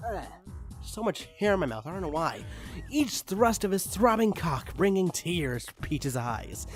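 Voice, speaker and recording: Reading fan fiction aloud, a man hams it up theatrically, breaking into amused asides and stumbling now and then. His voice sits high, sing-song and a little slow, with music playing behind it.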